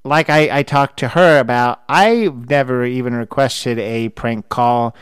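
A man's voice: medium pitch, a little slow, clear, resonant tone, dry recording. A man hosting a podcast interview, talking casually with many restarts and fillers. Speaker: podcast host.

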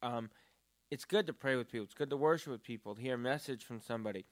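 A podcast co-host talks about prayer in casual faith talk, earnest and rambling with many fillers. He has a medium-pitched voice and talks fast.

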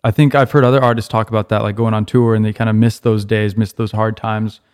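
A man with a low, fairly flat voice co-hosts a music chat. He speaks in a measured, thoughtful way, adding agreeable reflections. His tone barely rises or falls. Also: smooth. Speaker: podcast co-host. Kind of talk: casual chat about music.

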